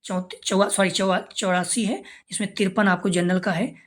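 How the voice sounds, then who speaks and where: A woman teaching an exam-prep lesson, reading out figures one after another in a steady way and checking in with her listeners again and again, sometimes dropping to a near whisper on a brief aside. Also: medium pitch, moderate pace. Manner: steady listing of figures, frequent "theek hai" check-ins. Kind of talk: informal explainer lecture.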